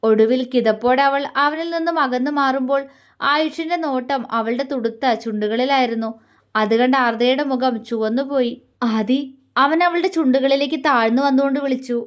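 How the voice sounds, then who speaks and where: A woman narrating a romantic audio story in a soft, measured storytelling manner. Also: high voice. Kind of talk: scripted narration.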